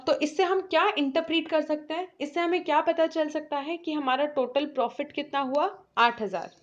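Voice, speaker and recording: A woman teaching an accounts lesson, explaining step by step and asking and answering her own questions, reading definitions slowly. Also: sits high, highs cut off. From India. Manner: mixes in English terms and reads English definitions slowly. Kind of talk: classroom lecture.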